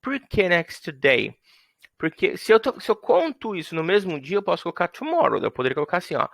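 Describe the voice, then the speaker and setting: A man with a slightly high, gravelly voice teaches English grammar, swinging his pitch up and down as he acts out small scenes. The sound is close and dry, with no room echo. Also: fairly quick. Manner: lively, playful, acts out little scenes with example sentences. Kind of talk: explaining grammar to students.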